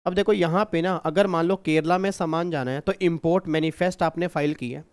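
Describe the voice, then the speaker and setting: High, clear-voiced male tax teacher. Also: fairly even intonation, fairly quick. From Kurukshetra, India. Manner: teasing, repetitive, asks the class questions. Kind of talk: online class lecture.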